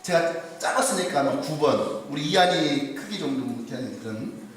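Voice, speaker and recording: A male pastor from South Korea delivering an animated sermon in a church, often asking the congregation questions. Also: on the high side, moderate pace. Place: church sanctuary. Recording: very echoey hall, distant mic.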